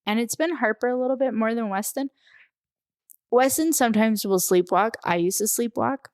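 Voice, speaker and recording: Chatty mom rambling in a dry room. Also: female voice, fairly high pitch, normal speed, dry recording. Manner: chatty, rambling, animated storytelling. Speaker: podcast co-host. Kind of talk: casual chat.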